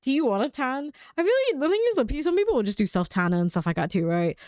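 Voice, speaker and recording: High-pitched and sing-song yet darkish in tone, this young British woman talks at a racing pace, recorded at studio quality with no echo. She streams a game from home, chatting casually, laughing often and using "like" again and again.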